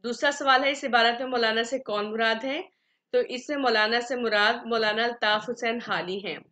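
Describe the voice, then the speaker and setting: A woman's voice: on the high side, fairly even intonation, moderate pace, sharp tone. A woman with a Pakistani Urdu accent teaching a grammar lesson to students, methodically listing example words one by one. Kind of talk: classroom lecture.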